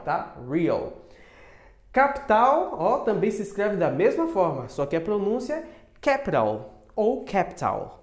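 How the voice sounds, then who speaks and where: A woman teaching English in an online video lesson. She repeats each word slowly and keeps adding short tag questions. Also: medium pitch, darkish tone. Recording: roomy echo.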